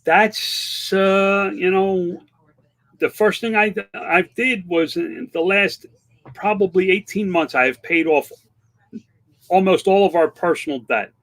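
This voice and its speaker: A man's voice: high-pitched, slow, fairly bright tone. Candid older-sounding man in his fifties, rambling. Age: 50s. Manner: candid, rambling, with many restarts and fillers. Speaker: online seller and livestream host. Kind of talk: casual livestream chat reading viewer comments.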